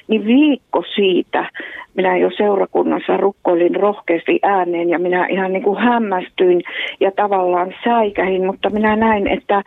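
A woman's voice: medium pitch, creaky, no echo. Savo-accented woman on a phone line. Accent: Savo Finnish. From Savo, Finland. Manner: earnest, laughs often while talking. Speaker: guest, evangelist and prayer line volunteer. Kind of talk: radio interview. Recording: tinny phone line, dry.

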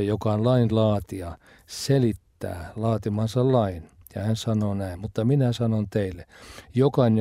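A man delivers a sermon in a low, mellow voice. He speaks in a measured, reflective way and often sinks to a soft near-whisper to stress a point. The sound is dry and close, with no room echo. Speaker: preacher.

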